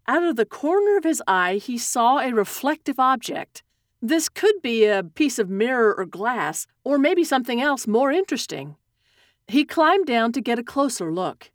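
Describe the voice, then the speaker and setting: A woman narrating a story in a steady, expressive reading that slows at tense moments. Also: fairly high pitch, dry recording, clean studio sound.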